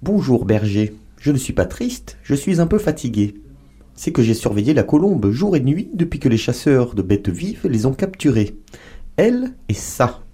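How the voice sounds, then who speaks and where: A loyal male cheetah from a storybook tale, worn out and a little sad, as a man voices him. His voice is dark and mellow, rising and falling with feeling. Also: medium pitch, sing-song, normal speed, slightly rough. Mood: weary. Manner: dignified, weary, a little sad. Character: loyal, tired male cheetah, proud guardian.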